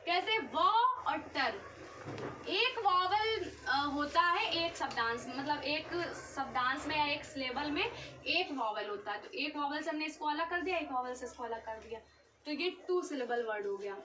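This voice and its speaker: A woman's voice: high-pitched, expressive, moderate pace, background noise. A young woman teaching an exam-prep lesson, explaining step by step and checking in often with the class. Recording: dull, slightly distant recording.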